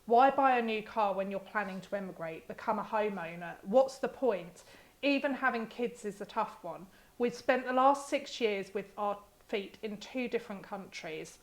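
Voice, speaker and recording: A woman's voice: medium pitch, normal speed. A woman hosting a casual show, reading listener emails aloud with open emotion and frequent laughter. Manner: emotional, expressive, laughs often.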